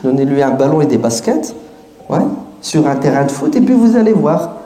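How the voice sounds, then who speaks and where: A man's voice: fairly high pitch, moderate pace. Man preaching casually in an echoey room. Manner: lively, street-casual, many rhetorical questions. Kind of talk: colloquial sermon to an audience.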